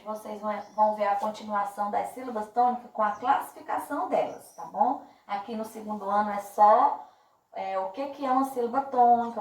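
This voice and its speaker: A Brazilian Portuguese-speaking woman teaching a primary school class by video, drawing out each word slowly and speaking with affectionate diminutives. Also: medium pitch, echoey room, recorded from a distance, rough recording. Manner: slow, drawn-out emphasis on words. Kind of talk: remote class video lesson.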